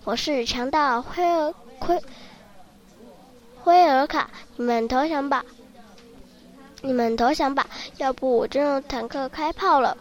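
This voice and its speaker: A woman's voice: high-pitched, measured pace, pauses often. A woman voicing a cowardly male wolf who plays at being a bandit, blustering and trembling in a children's story. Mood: boastful.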